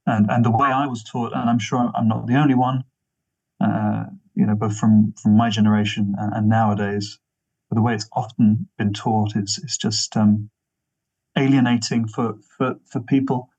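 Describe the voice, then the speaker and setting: A man with a husky voice, talking casually as an interview guest in a discursive way, repeating himself for emphasis. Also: on the low side, darkish tone, poor audio. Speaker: interview guest, theatre actor and director.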